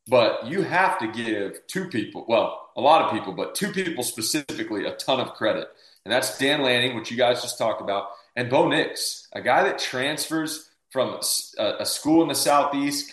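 A man's voice: medium pitch, a bit bright. A man giving casual sports analysis as a panelist, posing questions and answering them himself. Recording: echoey room sound.

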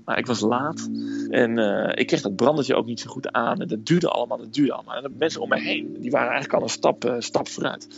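Gravelly guy telling his own story, kinda muffled lo-fi sound, faint music underneath. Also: medium pitch, fast talker. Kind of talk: personal storytelling.

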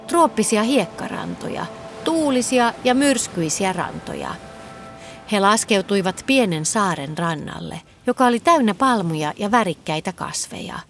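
Lively woman reading a storybook. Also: mid-range voice, slight background noise. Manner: gentle, expressive read-aloud. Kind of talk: children's storybook narration.

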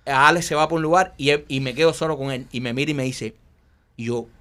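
A man's voice: mid-range voice, a little fast, sharp tone, slight background noise. A man telling a funny story in casual chat, acting out the quotes and laughing often.

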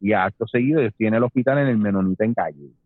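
A man, telling a long personal story in casual talk, animated and mixing in English phrases. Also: lowish voice, rapid-fire, no echo. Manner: animated, mixes English phrases, acts out voices. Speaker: storyteller guest. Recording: tinny phone-like dry sound.

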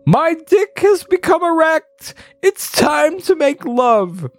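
A man's voice: sits high, big pitch swings, darkish tone, no room sound, soft background music, pitched above the performer's own voice, exaggerated voice. Man putting on a leering goblin king. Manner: leering, drawn-out and gloating. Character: lecherous pompous male goblin king.

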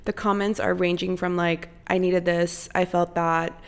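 Her voice is on the low side, smooth and flat, at a measured pace: a young Costa Rican podcast host chatting casually and candidly at home in her apartment, swearing freely throughout her solo show.

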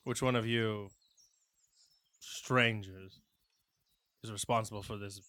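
A man's voice: fairly low pitch, fairly even intonation, slow, bright, forceful tone, no room sound. A man voicing a commanding, condescending palace guard captain in a tabletop game. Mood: stern. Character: stern, imperious male palace guard captain.

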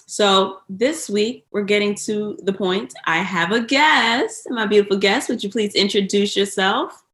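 A woman's voice: medium pitch, a little slow, fairly bright tone. A woman hosting a travel podcast, talking in a casual, loose and slightly profane way. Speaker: podcast host. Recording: roomy echo.

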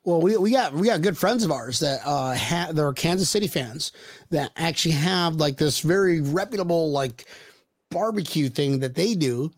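A man's voice: fairly high pitch, animated, moderate pace, no room sound, studio quality. A man hosting a casual podcast, rowdy and teasing, firing off questions at his guests. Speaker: podcast host.

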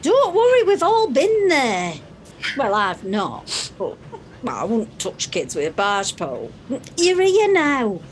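An actress playing a blunt, brassy and bossy gym regular in a sitcom. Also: female voice, a little high, huge pitch swings, takes it slowly, slight background noise, exaggerated voice. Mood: brash. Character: brash tactless woman, gym regular, bossy. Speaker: gym class member. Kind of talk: sitcom acting.

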